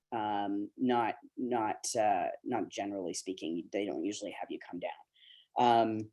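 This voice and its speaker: A middle-aged Canadian actor speaks candidly to young actors on a video call webinar, earnest and encouraging, with many fillers and restarts. His voice is medium-pitched and mellow.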